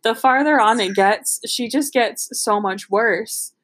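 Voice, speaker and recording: A woman's voice: on the high side, a little slow, noisy background. A woman reading a novel aloud in an amateur, casual way, giggly and breaking off to joke and comment. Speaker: podcast host reading a book aloud.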